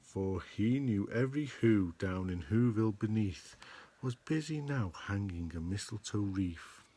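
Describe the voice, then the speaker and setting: A man reads a storybook aloud for a podcast. His voice is fairly low and husky, and he takes the narration at a slowish, measured pace. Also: expressive, mellow. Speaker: podcast host reading aloud.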